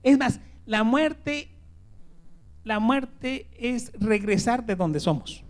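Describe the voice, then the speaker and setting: A pastor with a notably high voice preaches a sermon. His delivery swings from loud, stressed phrases to near-whispers. He often repeats himself and checks in with the congregation with "¿verdad?". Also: expressive, very slow. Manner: swings between loud emphasis and hushed whispers; repeats words and tags lines with "¿verdad?".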